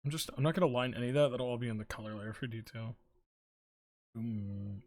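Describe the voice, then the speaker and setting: A streamer with a medium-pitched, darkish voice chats with viewers late at night from a room at home while drawing, talking a little fast. He rambles, jokes, swears freely, and addresses chat, humming to himself between thoughts as he works.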